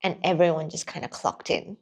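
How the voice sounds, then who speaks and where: Laughing, lively woman from Pakistan. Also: deep voice, brisk, gravelly, slightly rough. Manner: lively storyteller, laughs often. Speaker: podcast guest. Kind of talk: casual interview chat.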